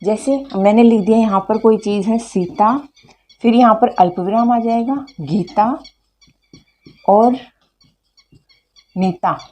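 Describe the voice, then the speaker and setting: A woman teacher, her voice a little high and mellow. She drills exam points by asking questions and answering them herself. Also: steady tone, moderate pace. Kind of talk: exam-prep grammar lesson.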